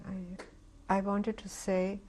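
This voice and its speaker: An older woman from Germany giving a reflective, halting oral history testimony, often restarting her sentences. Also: medium pitch, completely flat delivery, a little mellow, a little hiss or hum. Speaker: interviewee. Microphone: interview recording.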